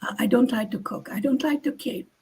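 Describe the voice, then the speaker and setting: A woman's voice: a little high, brisk, dark tone, slightly rough. An older woman hosting a casual live chat, talking bluntly, laughing often and acting out quoted lines. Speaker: channel host.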